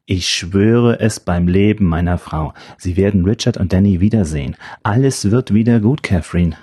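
A man playing a professor who reassures a patient in a measured, calm way. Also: low voice, husky, no room sound, studio quality. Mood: urgent. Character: calm, soothing male professor.

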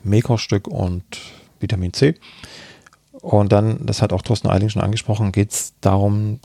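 A man with a gravelly, dark, husky voice, explaining bread baking in a podcast interview. He thinks aloud and fills pauses with many hesitations. The sound is close and dry. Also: on the low side, fairly even intonation, dry recording. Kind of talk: podcast interview answering questions.

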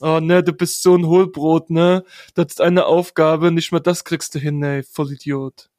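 A man voicing a rowdy, drunk young man who brags loudly and talks in brash slang. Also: fairly high pitch, flat delivery, moderate pace, dry recording, studio quality, lightly acted. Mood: mocking.

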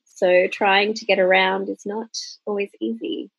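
A woman's voice: mid-range voice, little pitch movement, measured pace, creaky, breathy edge, no echo, highs cut off. A woman in her thirties co-hosting a casual travel podcast, chatty and laughing often, correcting herself mid-sentence. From Australia. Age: 30s. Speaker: podcast co-host.

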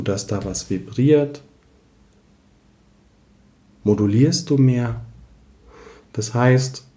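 A man's voice: lowish voice, dark tone, reverberant. A man working as a voice coach and speech therapist, explaining voice technique in an interview and demonstrating as he goes.

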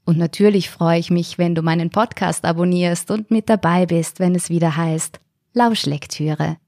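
A woman reading her own short story aloud as host of a story podcast, in a calm, even way. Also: on the low side, normal speed, dry recording, studio quality. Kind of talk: scripted story narration.

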